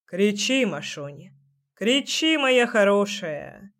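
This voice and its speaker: A pushy young man with a gruff, drawling voice, as a woman narrator puts him on. He teases and mocks, stretching his words out slowly and dropping low. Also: sing-song, fairly bright tone, exaggerated voice. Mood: teasing.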